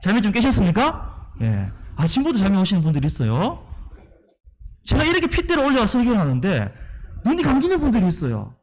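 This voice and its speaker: A male pastor preaches in a high, lively voice that swings widely in pitch. He drives his points home with rhetorical questions to the congregation. He sounds tired, worn from preaching often. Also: fairly quick. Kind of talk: sermon. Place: church sanctuary.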